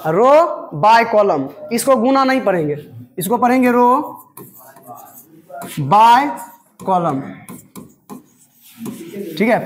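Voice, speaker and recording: A man teaching a maths class, repeating terms word by word and often asking if the students have understood. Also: extremely high pitch. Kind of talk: slow classroom lecture.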